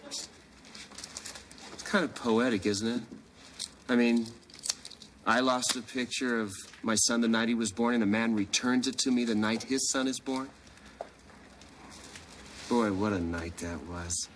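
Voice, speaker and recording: A man plays a wry single father in a 1990s sitcom, trading sarcastic jabs in a dry, easy delivery. His voice sits at an ordinary middle pitch. A faint hiss runs under the recording. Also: fairly even intonation, measured pace, pauses often, fairly bright tone, lightly acted. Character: wry, teasing middle-aged single dad.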